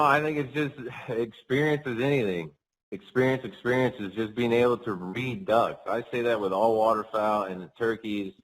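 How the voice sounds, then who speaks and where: A man's voice: medium pitch, low-quality recording. A man speaking as a guest hunting guide, casually explaining technique in an interview.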